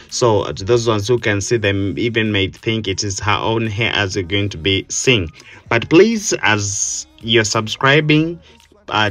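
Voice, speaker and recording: A man explaining a hairstyling tutorial as the instructor, talking in halting bursts with many fillers and repeated words. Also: lowish voice, fairly bright tone. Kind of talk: hair tutorial with channel promotion.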